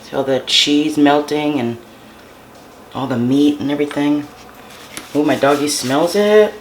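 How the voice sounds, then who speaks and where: A woman's voice: sits low, measured pace, echoey room, a little hiss or hum, rough recording. A woman hosting a casual home cooking tutorial, chatting to her viewers and calling them guys. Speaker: cooking channel host. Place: home kitchen.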